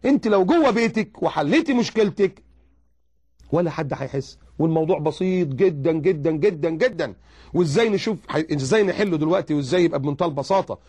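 A man with an Egyptian accent giving religious advice, animated and full of rhetorical questions. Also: high-pitched, fast talker. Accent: Egyptian Arabic. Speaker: preacher.

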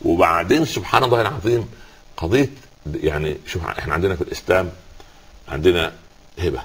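A man's voice: low-pitched, fast talker, slightly rough. A man with an Egyptian accent, an Islamic scholar giving a religious talk, telling stories, quoting scripture and asking rhetorical questions.

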